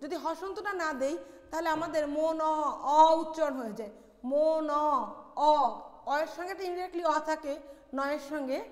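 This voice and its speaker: A woman's voice: high voice, fairly quick. A woman from Bangladesh teaching a college lesson on pronunciation, explaining step by step and answering her own questions. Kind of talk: classroom lecture on pronunciation. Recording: echoey hall with long reverb.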